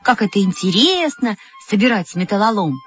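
Lively woman narrating a children's story. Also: mid-range voice, normal speed. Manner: lively, first-person storytelling. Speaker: audiobook narrator. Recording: dull audio, faint background music.

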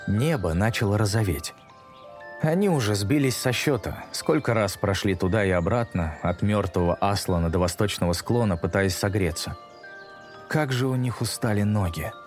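A man narrating a children's story in a measured pace, slowing down for dramatic moments. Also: lowish voice, darkish tone. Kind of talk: audiobook narration. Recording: music bed under narration.

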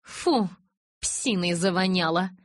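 A woman's voice: on the low side, takes it slowly, no echo, clean studio sound. A woman reading an audiobook, voicing a spiteful blonde female vampire who hisses her words with scorn. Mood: scornful. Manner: hissing, scornful. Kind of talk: audiobook character voice.

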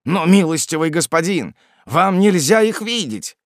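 A man voicing a frightened, fawning old male morgue keeper in an audiobook, with a high, trembling, pleading whine. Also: sing-song, unhurried, dry recording, clean studio sound. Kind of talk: audiobook reading.

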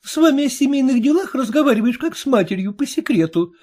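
A woman voicing a haughty, irritable young married woman in an audiobook, with a sharp, scornful manner. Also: sits high, animated, fast talker, breathy edge, pitched above the performer's own voice. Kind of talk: audiobook reading.

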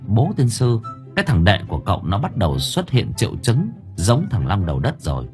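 A man narrating a story in a lively, colloquial way. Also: fairly low pitch, fairly quick, soft background music. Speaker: audiobook narrator.

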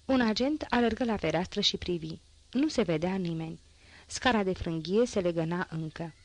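A woman narrating a classic novel as an audiobook, in a measured literary reading. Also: on the low side, lively intonation, darkish tone. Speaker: audiobook reader.

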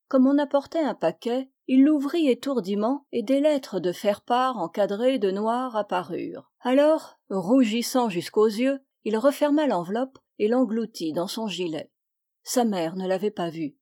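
A woman's voice: medium pitch, warm tone. Woman reading a classic tale aloud. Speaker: reader.

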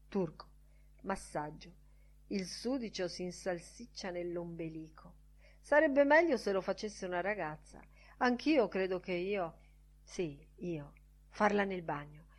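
A woman reading a literary audiobook aloud in a musing, expressive way. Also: lowish voice, unhurried. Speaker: audiobook reader.

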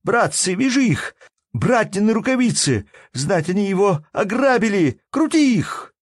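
A man reading an audiobook, voicing a panicked male merchant who yells in alarm. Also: high voice, sing-song, a little slow, no echo, studio quality, voice pushed up, exaggerated voice. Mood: frantic. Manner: yelling in alarm.

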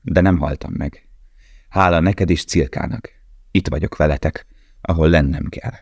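A man reading the part of a young male prisoner tattooist, earnest and gentle in a storybook. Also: very deep voice, creaky, breathy edge, no room sound, lo-fi sound, exaggerated voice. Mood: tender.

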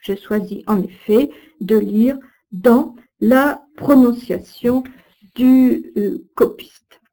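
Woman lecturer, mellow and somewhat high, measured careful delivery, syllables stressed. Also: low-quality recording. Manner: slow, deliberate diction, stressing syllables. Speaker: teacher of Old French. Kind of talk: recorded course lesson with recited verse.

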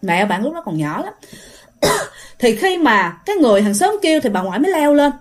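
A woman's voice: fairly high pitch, big pitch swings, brisk. Chatty Southern Vietnamese woman storyteller. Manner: chatty, often speaks to listeners directly. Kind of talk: casual ghost-story narration.

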